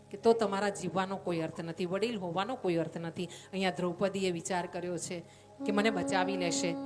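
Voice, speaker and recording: A woman with a Gujarati accent giving a devotional katha sermon in an emphatic storytelling manner, rising to loud fervor at the climaxes. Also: mid-range voice. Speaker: katha preacher. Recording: loud devotional music behind.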